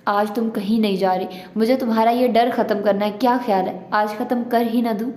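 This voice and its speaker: A woman's voice: on the high side, fairly even intonation, fairly quick, darkish tone, roomy sound, close to an everyday voice. A woman voicing a brooding, possessive young man. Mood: intense.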